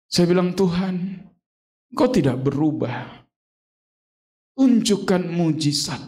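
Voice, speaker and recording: A middle-aged male pastor preaching a sermon in a church, constantly addressing the congregation and climbing to near-shouts at his peaks. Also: on the high side. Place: church sanctuary.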